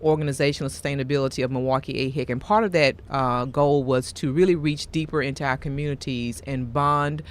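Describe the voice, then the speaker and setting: A woman with a Mississippi accent speaking as a guest in a radio interview, explaining things in a formal, measured, courteous way. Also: a bass voice, steady tone. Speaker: guest, health education executive director.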